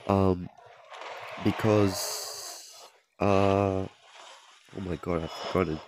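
Over a screen recording of his mobile game, a young channel host with a deep, low voice rambles loosely, correcting himself, trailing off and chuckling. Being sick has left his voice a bit off, and he speaks extremely slowly with fairly even intonation against faint background noise.

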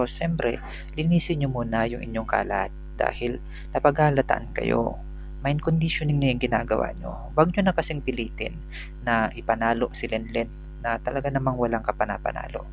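A man's voice: mid-range voice, creaky, slight background noise, low-quality recording. A young man from the Philippines vlogging casually about politics from a small room, talking with a sore mouth after a tooth extraction and full of fillers. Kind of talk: casual political vlog commentary. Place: small room at home, plain wall. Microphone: lapel mic on a stand at the chin.

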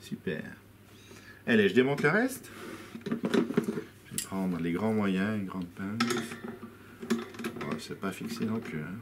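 A man's voice: sits low, big pitch swings, slow pace, pauses often. A man with a casual, curious way of talking, thinking aloud as he takes a toy instrument apart for his video channel. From France. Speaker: YouTube musician demonstrating an instrument. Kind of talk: casual talk-to-camera while taking apart a toy. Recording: loud background noise and clicks.

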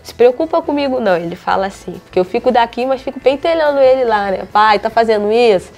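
A woman's voice: on the high side, quick pace, darkish tone, faint music behind. Young woman footballer, chatty storyteller. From Brazil. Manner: chatty storytelling, acts out quoted dialogue. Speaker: footballer, interview guest. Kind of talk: casual interview chat.

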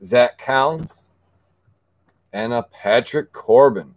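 A man's voice: medium pitch, slow pace. A man hosting a card break, casually reading out player names as he opens packs, sometimes stumbling over them. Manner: reads player names aloud, stumbles on some, yells when excited. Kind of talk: casual card-opening chat.

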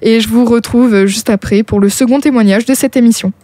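A woman's voice: a little high, steady tone, fairly quick, warm tone, dry recording. Chatty woman podcaster, dry close sound. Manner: chatty and reassuring, addressing a listener directly. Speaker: podcast host. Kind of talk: casual advice podcast.

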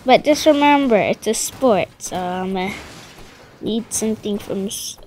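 A woman's voice: mid-range voice, unhurried, slight background noise. A woman giving casual, rambling commentary over her gameplay, her voice stuffy and congested from a cold. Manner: chatty, excitable, rambling slang. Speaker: gaming video creator.

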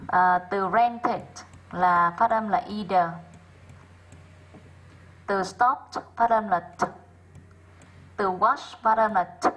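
A woman English teacher, going through worksheet answers in an online class, slowing down to sound out each example word and calling on students by name. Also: mid-range voice, fairly even intonation, fairly bright tone, lo-fi sound. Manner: methodical, slows down to sound out example words.

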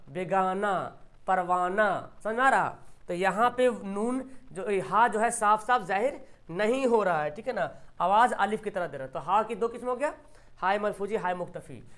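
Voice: mid-range voice, a bit bright. Quizzing teacher drawing out words. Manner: asks quiz questions and answers them, drawing out example words. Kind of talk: exam-prep grammar lesson.

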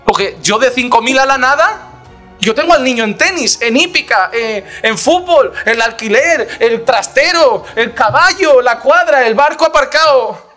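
A man preaches a sermon in a very high, bright, ringing voice. He is animated, acting out the voices he quotes and firing off rhetorical questions, and faint music plays behind him. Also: normal speed. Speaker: pastor.

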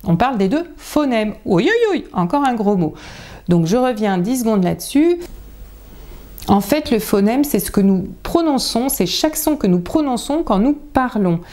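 A woman from France, a teacher and coach, explaining reading tips to parents in a chatty video lesson, with many filler pauses. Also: on the high side, lively intonation, mellow.

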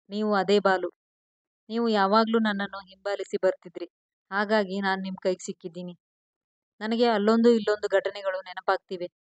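A woman's voice: medium pitch, dry recording, dull audio, natural voice. Brief: tearful, apologetic young woman in a storybook reading, read by a woman. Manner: pleading, apologetic.

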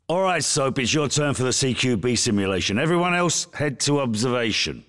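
A man acting as a gruff British special forces captain from a military video game. He is curt and commanding with a sardonic edge, and his pitch swings widely as he hands out orders. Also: expressive, a little fast, a bit bright, close to an everyday voice. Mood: firm briefing.

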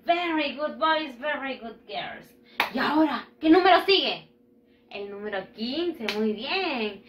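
A woman teaching English numbers to young children in a high, lively voice that rises and falls. She speaks slowly and stretches each word out so the children can repeat it, and she praises them often. The room has a roomy echo. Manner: slow, drawn-out modelling of English words. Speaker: primary school English teacher. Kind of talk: recorded online lesson for children.

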